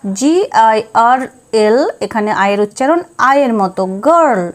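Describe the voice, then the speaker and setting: A woman's voice: fairly high pitch, expressive. A woman teaching letter sounds, spelling words out letter by letter. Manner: slow, spelling letters out one by one. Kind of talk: phonics lesson.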